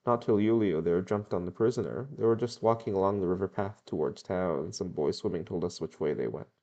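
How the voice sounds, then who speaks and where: A man's voice: sits low, brisk, mellow, dull audio. A man voicing an officious small-town male constable with stiff rural speech.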